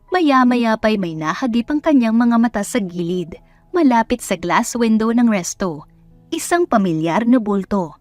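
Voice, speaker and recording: A woman with a Filipino accent and a medium-pitched voice narrates a scripted romance story. Her voice is recorded dry and set over background music.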